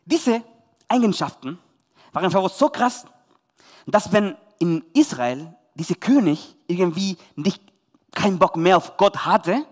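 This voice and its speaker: A man from Chile with a Spanish accent, a youth pastor telling a Bible story to children and parents in lively, emphatic German. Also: a little high, in a large hall.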